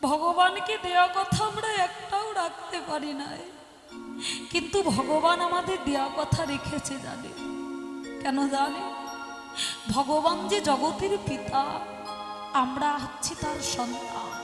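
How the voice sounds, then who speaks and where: High-voiced woman preaching a kirtan sermon. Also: a little slow, pauses often. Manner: addresses the audience as mothers, asks questions; dramatic swings from soft to loud. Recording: echoey hall with music behind. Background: instruments playing.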